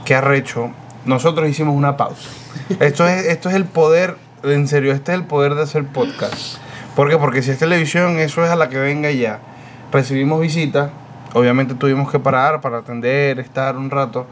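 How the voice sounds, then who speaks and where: A man's voice: medium pitch, a little fast, slight background noise. A man hosting a casual podcast chat, rambling and correcting himself as he goes. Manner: animated, rambling, self-correcting. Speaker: podcast host.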